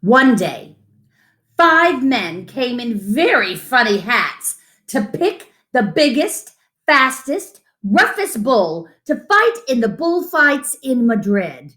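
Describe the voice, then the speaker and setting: During story time, a woman reads to children from a picture book, commenting on the illustrations as she goes. She speaks in a gentle, expressive, unhurried storytelling style, her pitch leaning high.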